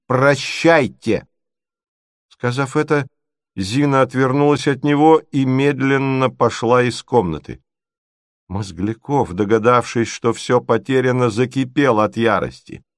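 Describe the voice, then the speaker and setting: A man reading a story aloud as narrator in a measured, even way. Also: medium pitch, dry recording, studio quality.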